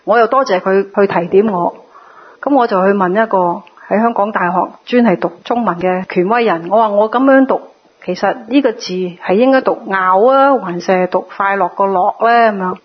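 A woman teaching a Buddhist sutra in a sermon, explaining patiently and now and then mimicking others in a lively voice. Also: mid-range voice, moderate pace, breathy edge, dull audio.

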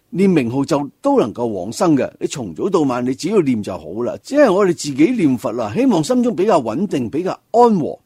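A man, a Buddhist monk, giving a slow and deliberate dharma talk that explains how to recite. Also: on the high side, a little mellow, breathy edge, dry recording, studio quality.

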